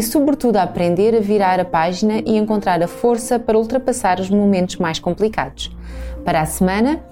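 A woman radio host with a European Portuguese accent and a soft, mellow tone. She presents and puts questions in a prepared, orderly way, at a middle pitch. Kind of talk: scripted programme presenting and interviewing.

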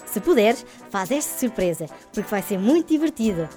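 A woman's voice: medium pitch, very animated, brisk, warm tone, soft background music, natural voice. A woman voicing a clever, cheerful little boy helper on children's radio, teaching crafts in sing-song European Portuguese. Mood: cheerful, instructive.

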